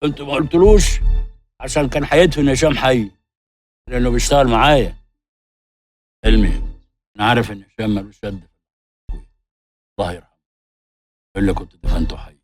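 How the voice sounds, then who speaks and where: An actor playing a proud neighborhood strongman who boasts in a gruff way, with an Egyptian accent. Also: medium pitch, fairly quick, long pauses, faint music behind, lightly acted. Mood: gruff boasting.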